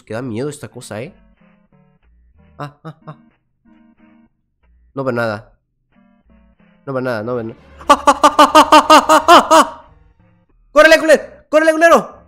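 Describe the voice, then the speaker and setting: A man with a Mexican accent commenting on a horror game as he plays, jumpy and full of slang, who yells and laughs when something startles him. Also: on the high side. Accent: Mexican Spanish. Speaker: gaming YouTuber.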